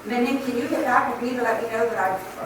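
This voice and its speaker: A fast-talking woman with a fairly high voice speaks during public comment at a council meeting, her remarks scattered and rambling with apologies along the way. The audio comes from an echoey council chamber, distant from the mic and noisy.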